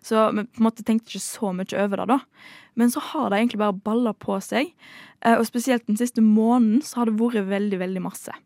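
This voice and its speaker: A woman's voice: a little high, steady tone, a little mellow, dry recording, studio quality. A woman casually telling a rambling story on the radio, with many fillers.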